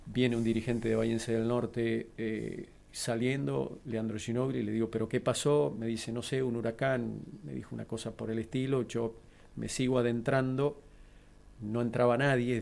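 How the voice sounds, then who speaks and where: A middle-aged man with an Argentine accent, a guest in an interview, calmly recounting a personal tragedy. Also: mid-range voice, gravelly. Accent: Argentine Spanish. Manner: measured, steady, composed.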